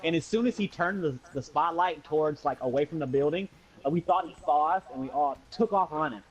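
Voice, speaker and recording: Talking a little fast in a fairly high voice, a young adult American man recounts an anecdote to friends, slang and all, voicing the characters' lines himself. It's a dull, lo-fi recording.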